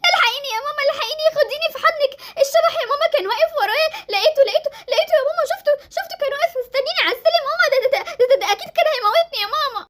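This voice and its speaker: A woman's voice: extremely high pitch, expressive, racing, few pauses, fairly bright tone. A woman voicing a frightened young girl who sees a ghost, with an Egyptian accent, pleading and screaming. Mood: panicked. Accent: Egyptian Arabic. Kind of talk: Roblox story voice acting.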